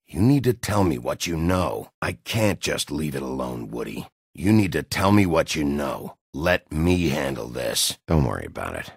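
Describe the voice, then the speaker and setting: An actor playing a gruff, brooding wolf detective in a video game, with a gravelly, husky low voice and a terse, dry delivery. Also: male voice, very animated, normal speed, few pauses, no echo, heavily acted. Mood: guarded, dry. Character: gruff, brooding big bad wolf detective, adult man, dogged. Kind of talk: video game dialogue acting.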